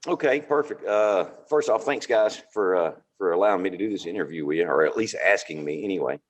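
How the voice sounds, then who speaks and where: Deep-voiced Southern man telling a story. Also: a little fast. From North Carolina. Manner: relaxed, rambling with many fillers. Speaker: guest car owner. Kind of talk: casual storytelling on video call. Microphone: video call.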